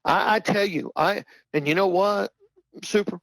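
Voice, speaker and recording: Gravelly older man, emphatic and heated. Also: measured pace, a bit bright, dry recording, poor audio. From Texas. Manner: emphatic, repetitive, rising pitch when worked up. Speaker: podcast guest. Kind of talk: impassioned talk-show commentary.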